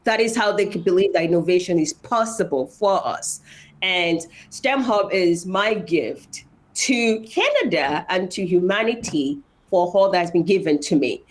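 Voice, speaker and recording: A woman with a Nigerian accent and a fairly low, expressive voice speaks a little slowly. As an interview guest who is an engineer and foundation founder, she gets personal and motivational, repeating phrases emphatically for stress.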